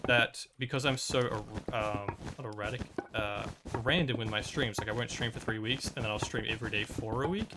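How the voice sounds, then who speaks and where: This young game streamer talks a little fast with few pauses, his fairly low voice somewhat worn as he recovers from a cold and lost voice. He chats casually and rambles, with lots of fillers and restarts, against a noisy background.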